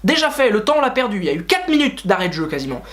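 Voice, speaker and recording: A man's voice: high-pitched, big pitch swings, very fast, a bit bright. A man hosting a casual football reaction video, talking straight to his viewers and ranting with frustration and sarcastic asides. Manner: talks to viewers directly.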